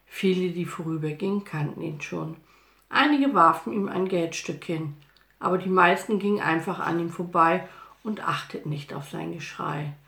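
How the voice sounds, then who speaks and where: A woman narrating a children's Bible story in an expressive, lively storytelling manner. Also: fairly low pitch, gravelly. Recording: roomy echo.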